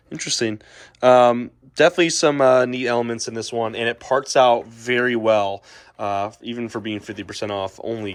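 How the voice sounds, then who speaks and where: A man's voice: mid-range voice, a bit bright. Young male vlogger, casual rambling delivery, chatty, frequent fillers and self-corrections. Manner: rambling, full of ums and restarts, chatty. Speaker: vlogger showing a toy haul. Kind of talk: casual vlog chat.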